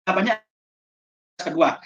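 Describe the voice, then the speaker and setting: Indonesian lady teaching a training session, slow and halting, lots of ums, low voice, muffled sound. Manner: slow, halting explanation with many fillers. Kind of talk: online training lesson. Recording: dull lo-fi audio.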